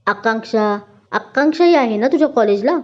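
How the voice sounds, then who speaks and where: A woman's voice: fairly high pitch, expressive, brisk, natural voice. A woman voicing a teasing, playful young husband in a spoken story, talking with affection. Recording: dull lo-fi recording.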